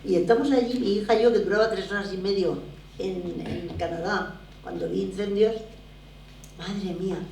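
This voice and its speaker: An older woman with a gravelly, mellow voice tells theatre stories with lively emphasis. She sounds distant in an echoey lecture room with faint background noise. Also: medium pitch, normal speed. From Barcelona, Spain. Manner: animated, emphatic storytelling. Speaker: theatre producer, guest. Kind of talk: conversational interview. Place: lecture room at a drama school.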